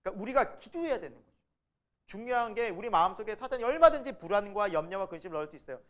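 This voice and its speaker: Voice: medium pitch, racing. A preacher giving a Bible lecture in a church, asking the congregation questions and answering them, and acting out the people quoted. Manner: acts out the quoted speakers in lively voices. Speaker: preacher teaching a Bible class.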